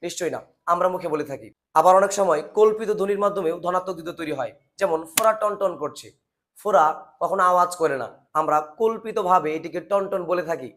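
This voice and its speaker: A man's voice: high voice, quick pace. A man teaching a grammar lesson, asking rhetorical questions and answering them himself.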